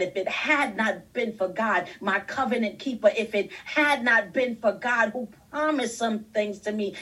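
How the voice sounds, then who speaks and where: A woman in her fifties preaching a sermon, fervent and full of repeated refrains that build toward shouting. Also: medium pitch, husky, far from the mic, low-quality recording. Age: 50s.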